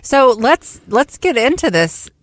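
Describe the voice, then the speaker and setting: A woman's voice: fairly high pitch, sing-song, slow, dry recording, clean studio sound. A woman co-hosting a community radio talk show, reading upbeat lead-ins and asking questions. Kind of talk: radio interview.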